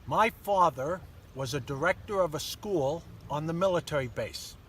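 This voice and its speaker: An older man with a slightly high voice tells stories of his childhood at an easy, measured pace, pausing often. He was recorded outdoors in a sunny park by a camera mic at some distance, with faint background noise. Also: lively intonation, a bit bright. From born in Germany to American parents. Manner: measured storytelling with many pauses and fillers. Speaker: interview guest. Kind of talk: casual interview.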